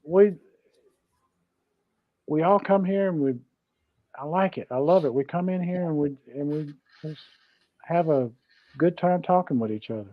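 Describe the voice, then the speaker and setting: A middle-aged or older man from Georgia co-hosts a livestream, chatting in a folksy Southern US accent, greeting viewers and repeating himself. His fairly high voice moves at a measured pace with frequent pauses, and the close audio sounds dull and dry with no echo.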